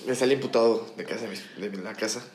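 A young Mexican man talks fast, rambling through a story in crude slang and restarting his sentences. His voice sits in an echoey room with a faint hiss underneath. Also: lowish voice, darkish tone. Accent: Mexican Spanish. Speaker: podcast co-host. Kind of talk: casual storytelling chat.

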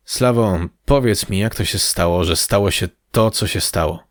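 A man voicing a tough, tired female ship captain who gives brisk commands. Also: on the low side, no echo, lightly acted. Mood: commanding.

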